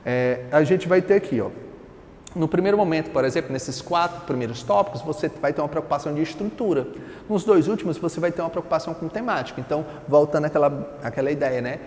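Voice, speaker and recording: Brazilian male teacher, high voice, chatty explainer, reverberant room, faint hiss. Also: fast talker, darkish tone. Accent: Brazilian Portuguese. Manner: explanatory, conversational, frequent rhetorical questions. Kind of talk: literature lesson.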